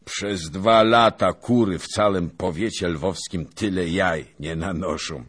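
A man voicing a boastful, gluttonous old nobleman soldier who talks loudly and patronizingly in an audiobook. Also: deep voice, measured pace, husky, voice pushed up, full character voice. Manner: pompous, patronizing, loud.

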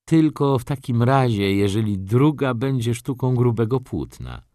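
A man's voice: mid-range voice, animated, normal speed, warm tone, no room sound, studio quality, pitched above the performer's own voice, lightly acted. A man voicing an older aristocratic woman who teases with mock humility. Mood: teasing. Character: witty aristocratic aunt, older woman, playful.

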